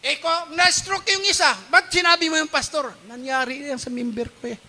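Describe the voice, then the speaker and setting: A male pastor with a Filipino accent preaching a humorous, animated sermon and mixing in English phrases. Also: extremely high pitch, moderate pace. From Philippines.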